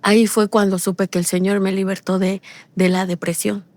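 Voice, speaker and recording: A woman's voice: medium pitch, level tone, darkish tone, no room sound. A woman giving an emotional personal testimony in an interview. She repeats phrases and restarts often as she talks. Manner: repetitive, with halting restarts and tearful pleading.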